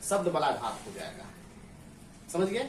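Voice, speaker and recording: A man's voice: a little high, huge pitch swings, unhurried. A man teaches grammar in a classroom and keeps asking the students whether they understand. His voice carries through an echoey room. He stands some distance from the mic, with a faint hum of ambience behind him. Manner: asks the class questions and answers them himself, often checks "clear?".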